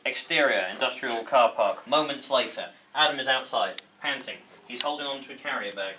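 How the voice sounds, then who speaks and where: Medium in pitch, brisk, and sharp in tone, a man works through the stage directions at a table read. He's informal and fumbles the script a bit. The indoor room has an echo and a faint hum of noise.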